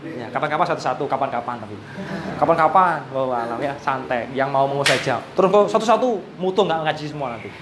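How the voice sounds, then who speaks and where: Teaching a live Quran reading class, an Indonesian man speaks briskly in a mid-range voice with a Javanese accent, slipping Javanese words in and keeping a relaxed manner. Background noise is audible.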